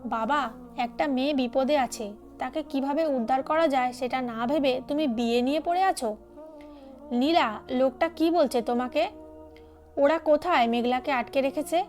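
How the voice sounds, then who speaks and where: Woman reading a caring, determined young man in an audio drama; high voice, earnest. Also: normal speed, a little mellow, natural voice. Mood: concerned. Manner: earnest, protective. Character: concerned young man, protective groom.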